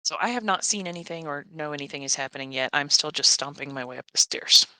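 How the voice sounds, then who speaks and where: A woman's voice: deep voice, quick pace, sharp tone, no room sound. A woman player in a tabletop game over voice chat, reading rules out matter-of-factly.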